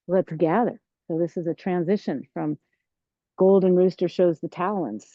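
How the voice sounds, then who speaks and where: A woman teaching a tai chi class, giving serene, encouraging, unhurried movement cues. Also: lowish voice, fairly even intonation. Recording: roomy, dull lo-fi sound.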